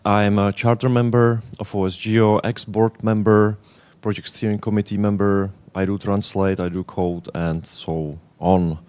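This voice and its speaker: A man in his thirties speaks with a Czech accent, his voice sitting very low. He gives a conference presentation in non-native English, pausing and restarting as he searches for words. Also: little pitch movement, a little mellow, clear, resonant tone. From Czech Republic.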